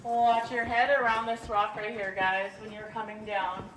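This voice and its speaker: A woman's voice: mid-range voice, flat delivery, normal speed. A woman leading a cave tour in a casual, chatty way, her voice echoing off the cave walls. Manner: casual, chatty, gives safety reminders. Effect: cave echo. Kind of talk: guided tour talk. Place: inside a large cave. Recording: echoey cave voice from a distance, faint noise.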